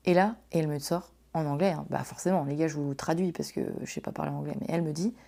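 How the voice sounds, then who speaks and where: Gravelly low-voiced woman telling stories. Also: quick pace. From France. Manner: slangy and swearing, addresses listeners as "les gars"; animated, excitable storytelling. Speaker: podcast host. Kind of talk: casual storytelling podcast.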